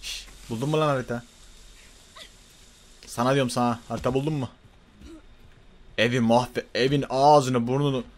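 A young man giving excited let's-play commentary, swinging between loud frantic outbursts and muttering to himself. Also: medium pitch, normal speed, long pauses. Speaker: gaming YouTuber.

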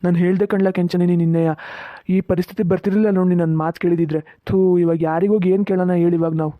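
An actor voices a fussy older village farmer in a cartoon, a man with a coconut grove who frets about money, grumbling and muttering to himself at a fast clip in a medium, fairly flat, natural voice. The audio is tinny and narrow-band, like a phone, and completely dry with no room echo.

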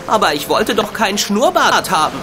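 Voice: medium pitch, very animated, normal speed, natural voice. A woman voicing a naive, polite boy apprentice in a video game, innocent and earnest. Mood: puzzled. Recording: clear background ambience noise.

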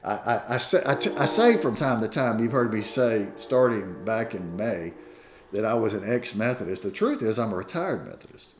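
A pastor in his sixties with a Southern American accent preaches with a lower-pitched voice that swings widely in pitch. He tells folksy stories with self-deprecating jokes, and his voice rings through an echoey church sanctuary. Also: expressive, normal speed, soft background music. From Southern United States. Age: 60s. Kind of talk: sermon.

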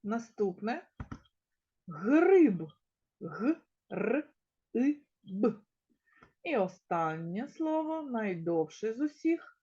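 Slow, lively-voiced kindergarten teacher woman. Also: a little high, highs cut off. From Ukraine. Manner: drawn-out, sound-by-sound word pronunciation. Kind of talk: slow, sing-song lesson for small children.

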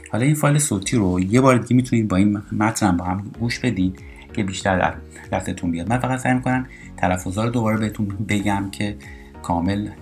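A man teaching a recorded French lesson, explaining pronunciation and slowly repeating example words. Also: on the low side.

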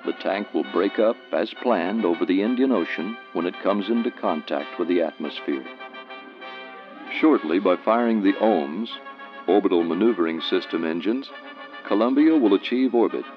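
A man reading scripted documentary narration in a measured, explanatory way. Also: low-pitched, over music. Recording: dull archival film soundtrack.

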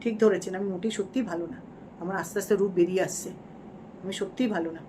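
A woman's voice: mid-range voice, fairly even intonation, fast, mellow, a little hiss or hum, close to an everyday voice. A woman playing a boastful, shameless female vlogger villain who gloats in mock-defiant rants during a parody livestream. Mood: gloating.

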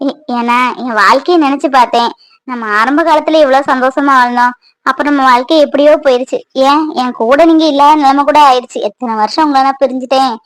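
High soft older granny in a cartoon, woman doing it, dry close sound. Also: no echo, close to an everyday voice. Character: older grandmother, sentimental and grateful.

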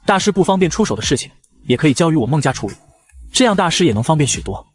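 A man's voice: a little high, big pitch swings, rapid-fire. A man narrating a comic story, voicing a frail elderly clan patriarch who speaks solemnly and formally. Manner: solemn, courteous.

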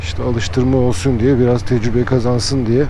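A man's voice: medium pitch, flat delivery, moderate pace, dark tone. A middle-aged man narrating a casual motorcycle vlog as he rides, explaining and instructing over a helmet intercom. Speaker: motorcycle vlogger and riding instructor. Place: outdoors on a motorcycle on the road. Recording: muffled helmet mic with road noise.

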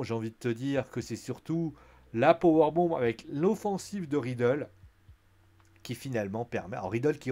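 Male reviewer, casual recap, lively swooping pitch, filler-heavy. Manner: chatty, lots of fillers, acts out quotes in a raised voice. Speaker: wrestling show reviewer.

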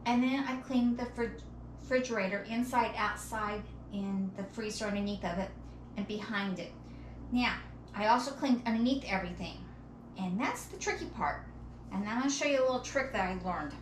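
A middle-aged woman with a mid-range voice, speaking at normal speed, plainly explains things step by step in a casual home cleaning vlog. A camera a few metres away records her in a kitchen, giving a roomy echo and clear background noise.

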